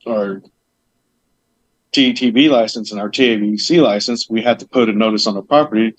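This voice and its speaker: A man's voice: on the low side, fairly quick, no echo. A man chatting as a podcast guest about opening a business, rambling, with loose fillers and lots of side detail. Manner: chatty, rambling, acts out conversations. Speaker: guest, meadery owner. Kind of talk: casual podcast interview. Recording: dull lo-fi dry audio.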